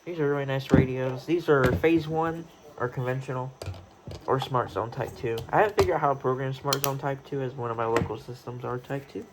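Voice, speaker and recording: A man with a mid-range voice, talking a little fast, shows off his radio equipment indoors in his room for a vlog. He rambles and hesitates while thinking aloud, and the home recording is clearly noisy.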